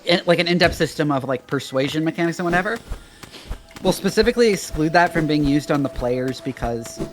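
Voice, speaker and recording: A man's voice: fairly high pitch, a little fast, faint music behind. A man in a casual chat, eagerly explaining the rules of a tabletop game at length.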